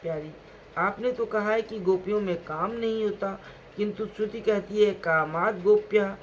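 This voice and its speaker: A man's voice: sits high, moderate pace, lightly acted. A man voicing an earnest male disciple who puts a respectful, puzzled question to his elder guru, on a dull lo-fi recording. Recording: dull lo-fi recording, faint hiss.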